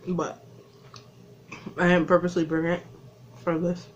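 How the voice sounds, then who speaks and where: Slow-talking woman with a burning mouth. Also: on the low side, flat delivery, a little hiss or hum. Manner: slow, breathy talk between bites, laughing at herself. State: mouth burning from spicy food. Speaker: vlogger. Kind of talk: casual vlog chat. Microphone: phone camera.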